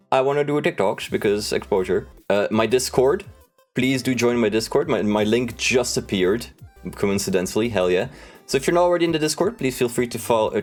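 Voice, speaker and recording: A young man chatting casually on a livestream, telling stories in an animated, sweary way. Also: mid-range voice. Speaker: streamer. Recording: music playing behind the voice. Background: background music.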